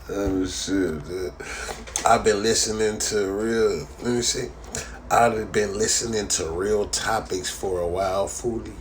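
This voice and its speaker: Speaking slowly in a voice on the low side, a live-stream host reads chat comments and rants casually to his viewers. He swears heavily and keeps ending his lines with the same slang tag, and there's slight background noise.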